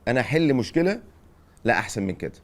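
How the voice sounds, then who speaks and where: Speaking in a mid-range, sing-song voice at a racing clip, this middle-aged Egyptian man hosts a chat and offers advice. He often checks in with rhetorical questions. He is a podcast host and former football director with an Egyptian Arabic accent.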